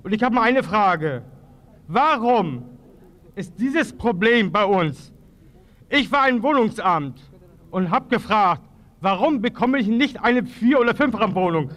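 Very high-voiced man, stumbling appeal. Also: lively intonation, fairly bright tone. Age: 30s. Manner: halting, stumbling, restarts and repeats words. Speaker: father of three speaking at a public forum. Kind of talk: unscripted public appeal. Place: outdoor public square.

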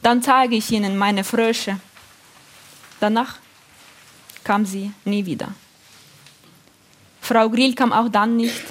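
A woman narrating a literary story in a calm, measured reading. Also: medium pitch. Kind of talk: audiobook reading.

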